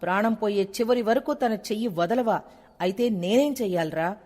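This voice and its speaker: A woman's voice: mid-range voice, moderate pace, a little mellow, in a large hall, lightly acted. Jealous drunk young man, as a woman reads his lines. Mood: bitter.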